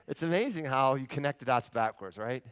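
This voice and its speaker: Presenter type, man, smooth and resonant, animated storyteller working a seminar stage, mid-range pitch. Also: fairly quick.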